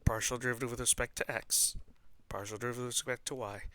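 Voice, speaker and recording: A man's voice: mid-range voice, steady tone, quick pace, bright, forceful tone. A man teaching math at a board, explaining and dictating notation piece by piece as he writes it out. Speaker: math teacher giving a lecture. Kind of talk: board lesson, explaining while writing out notation.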